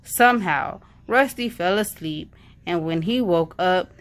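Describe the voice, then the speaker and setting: A woman with a voice low for a woman reads a children's book aloud at an unhurried, slow pace. Her narration has lively intonation.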